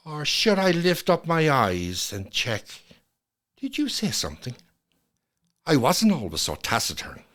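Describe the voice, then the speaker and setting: A man with a medium-pitched voice plays a lonely, nostalgic old Irish widower, quietly ruminating. His delivery is slow, wistful and lyrical, measured with lingering pauses. It is a scripted dramatic monologue told in the first person.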